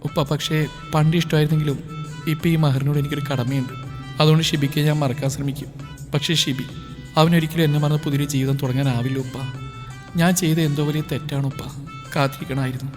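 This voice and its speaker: Man reading a sad young wife part, quiet and pleading, his own voice, roomy echo and soft music. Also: fairly high pitch, fairly even intonation, brisk, lightly acted. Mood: regretful. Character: young wife, guilt-ridden and tearful. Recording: reverberant with faint music.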